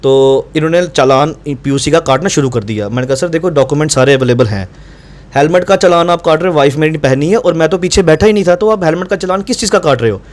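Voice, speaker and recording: Brief: young adult man, rapid and insistent account, voice on the higher side, reenacts the argument. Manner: fast, insistent, reenacts dialogue. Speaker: doctor recounting incident to reporter. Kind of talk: animated first-person account.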